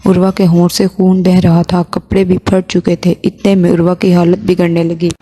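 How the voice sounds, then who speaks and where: Woman, story narrator, earnest, dark mellow voice, low pitch. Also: flat delivery, slight background noise.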